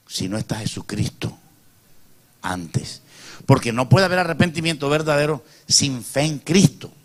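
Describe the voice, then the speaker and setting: A man preaching from the pulpit in a steady mid-pitched voice. He punctuates his points with calls of amen and rhetorical questions to the congregation. His delivery swings between quiet, low asides and loud, emphatic peaks. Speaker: pastor. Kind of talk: preaching a sermon.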